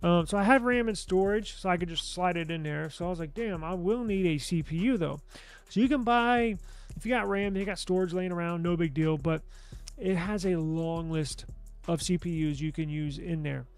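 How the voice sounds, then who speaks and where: Guy, kinda high gravelly voice, rambling about deals, soft music behind. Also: moderate pace. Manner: loose, excited, restarts and casual swearing. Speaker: tech news host. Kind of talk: casual deal walkthrough. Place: indoor home studio desk. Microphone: desk microphone.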